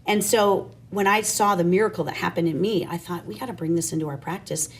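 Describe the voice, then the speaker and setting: Female testimonial guest, slightly low voice, emphatic storytelling, clear ambient noise behind her. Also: a little fast. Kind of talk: personal testimonial in an interview.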